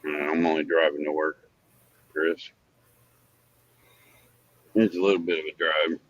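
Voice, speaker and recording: A man's voice: very deep voice, flat delivery, measured pace, fairly bright tone, no echo. A middle-aged man talks. He rambles casually from behind the wheel, like a plain-spoken hillbilly. The sound is close and dry, slightly dull and lo-fi. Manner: folksy hillbilly drawl. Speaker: vlogger, warehouse worker. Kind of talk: casual rambling chat while driving. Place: inside a vehicle while driving.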